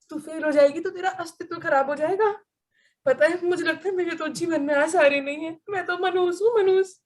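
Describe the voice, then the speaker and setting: A woman playing a gloomy, melodramatic teenage schoolgirl in an amateur church skit, wailing and theatrical. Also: very high voice. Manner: wailing, theatrical, doom-mongering.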